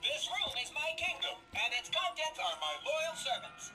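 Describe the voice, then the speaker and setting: A woman's voice: high-pitched, moderate pace, vocal fry, exaggerated voice. A woman playing an imperious, pompous game figure who addresses subjects grandly like a pharaoh. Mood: pompous, commanding. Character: imperious, pompous asylum announcer demanding worship like a pharaoh. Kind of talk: theatrical game voice acting. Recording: distant game audio under loud music.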